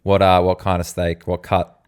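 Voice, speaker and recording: A man's voice: low-pitched, monotone, moderate pace, a little mellow, smooth. An Australian man hosting a podcast in casual chat, asking short, easygoing questions. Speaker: podcast host.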